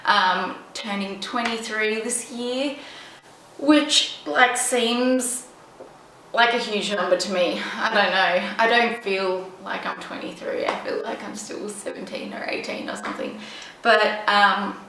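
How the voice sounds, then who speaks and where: An Estonian woman in her twenties answers questions to camera in a loose Q&A vlog, packed with "um" and "like." Her medium-pitched voice is slow, bright, and forceful, recorded in an echoey room with a distant mic and a little background noise.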